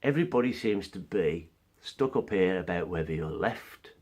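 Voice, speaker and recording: Deep-voiced man with a cold. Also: expressive, moderate pace, darkish tone, husky. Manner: earnest, explains through analogies. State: has a cold, coughing now and then. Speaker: vlogger. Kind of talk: explanatory opinion monologue to camera.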